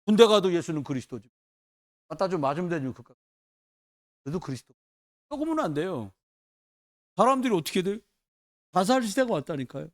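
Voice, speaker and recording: A man preaching a sermon in church, telling stories in a loose, conversational way and acting out the people he quotes. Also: high voice. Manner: animated, colloquial storytelling with acted quotes. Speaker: pastor.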